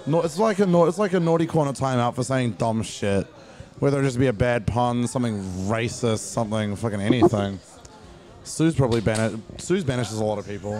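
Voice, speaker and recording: A man's voice: medium pitch, fairly quick, darkish tone. A man in casual chat explaining house rules, blunt and sweary.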